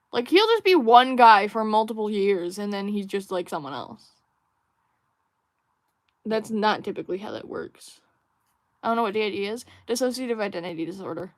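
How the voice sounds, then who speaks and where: A woman's voice: medium pitch, no room sound, clean studio sound. A young woman hosting a casual livestream while drawing, musing and rambling with many fillers and restarts while she reads viewer chat aloud. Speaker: livestream host.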